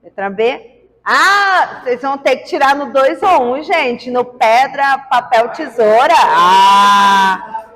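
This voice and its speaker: A woman's voice: high-pitched, lively intonation, a little slow, fairly bright tone, long reverb tail. A woman teaching biology, running a quiz with her class and coaxing answers out of the students in a playful way. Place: large classroom.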